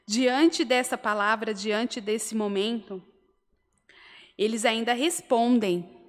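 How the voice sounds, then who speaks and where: A woman with a Brazilian Portuguese accent preaching a sermon. She retells a story and swells into emphatic appeals to her listeners. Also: mid-range voice. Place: church hall, indoors. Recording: long church reverb.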